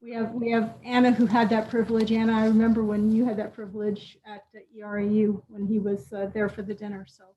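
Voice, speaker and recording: A woman hosts a scholarship presentation in a medium-pitched, level voice, talking quickly with few pauses. Warming up the audience, she uses fillers and repeats herself. The recording is dull and lo-fi with faint noise.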